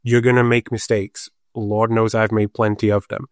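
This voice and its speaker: Speaking at a normal speed in a lowish, level voice, a guest from Liverpool, England, who works as an urban planner and improv comedian chats on a podcast interview. He's animated and self-deprecating throughout. The sound is clean studio audio with no echo.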